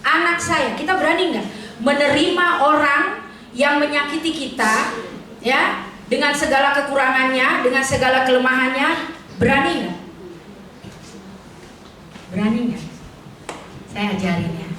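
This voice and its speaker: A middle-aged woman delivers a casual, conversational sermon, often asking the congregation questions. Her voice sits a little high and rings through a very echoey hall. She is heard from some distance from the mic, with faint noise behind her. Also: normal speed, sharp tone. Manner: chatty, colloquial, asks the congregation questions. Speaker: preacher at a prayer fellowship service. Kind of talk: informal sermon with personal testimony. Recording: echoey hall, voice picked up from afar.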